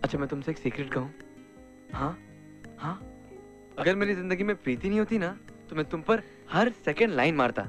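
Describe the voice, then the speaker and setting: A man's voice: a little high, expressive, brisk, long pauses, soft background music, close to an everyday voice. An actor playing a playful young male college friend who teases and reassures, in film dialogue. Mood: teasing. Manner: teasing, reassuring.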